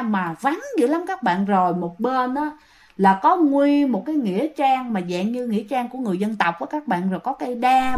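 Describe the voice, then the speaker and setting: A woman with a Southern Vietnamese accent tells a ghost story in a loose, chatty way. Her voice sits quite high, and she keeps turning to address her listeners directly. She often trails off and starts a sentence over. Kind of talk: casual ghost story narration.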